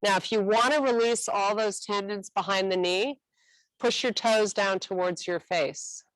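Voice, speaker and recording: A woman instructor guiding a stretching class with calm, encouraging cues. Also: mid-range voice, no echo, low-quality recording. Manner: calm, encouraging cueing with a slow, unhurried delivery.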